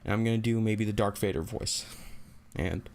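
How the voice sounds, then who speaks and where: A man with a lowish voice hosts an unscripted, casual software tutorial, talking through his thoughts in a halting way as he goes.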